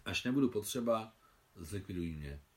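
A man's voice: on the low side, animated, darkish tone, lightly acted. A man reading a weary fatalistic army doctor. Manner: blunt, world-weary. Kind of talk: reading a novel aloud.

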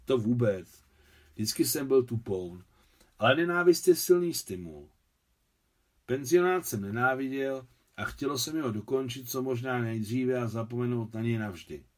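A man voicing a middle-aged, greying aviator who speaks in a calm, reflective, wry way in an audiobook. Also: medium pitch, lightly acted.

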